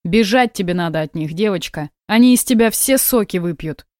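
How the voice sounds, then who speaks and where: A blunt, caring old caretaker, read by a woman in an audiobook. He talks plainly and with worry, at a middling pitch. The sound is dry and close. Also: lively intonation, fairly quick, a little mellow, dry recording, close to an everyday voice. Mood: concerned. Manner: blunt, worried. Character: gruff older male caretaker, blunt but caring.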